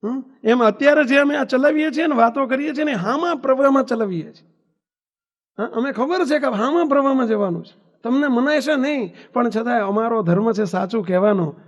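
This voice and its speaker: High-voiced man preaching with a Gujarati accent. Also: a little fast. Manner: preachy, asks the audience questions, tells anecdotes. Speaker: swami giving a discourse to youth. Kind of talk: sermon. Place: hall at a religious gathering. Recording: dull reverberant hall recording.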